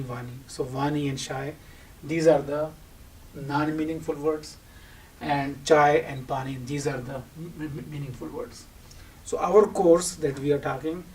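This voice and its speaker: Speaking a little high with a darkish tone, the Urdu-speaking teacher with a Pakistani accent works through his lecture by raising questions and answering them himself. Background noise is audible, and the mic sits far away.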